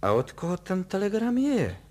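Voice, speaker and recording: A man's voice: high voice, wildly swooping pitch, mellow, pitched above the performer's own voice. Man doing a grumbling nervous little code-breaker. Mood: brusque. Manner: grumbling, brusque.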